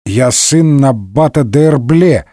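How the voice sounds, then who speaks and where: A man's voice: mid-range voice, expressive, slow pace, warm tone, no echo, clean studio sound. A man voicing a dim-witted, sniffly young male rascal with eager chatter, in a comic audiobook.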